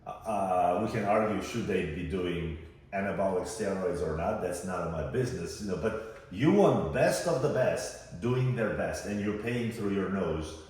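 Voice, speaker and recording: A man's voice: sits low, lively intonation, a little slow, darkish tone. A man co-hosting a podcast, chatting casually and rambling reflectively with plenty of fillers. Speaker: podcast co-host. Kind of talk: casual chat. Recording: echoey room, far from the mic, faint noise.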